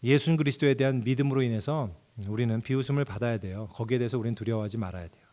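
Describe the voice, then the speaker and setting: A man's voice: medium pitch, racing, mellow. A middle-aged man preaching a sermon as pastor, telling the story expressively and acting out characters' thoughts with sudden outbursts.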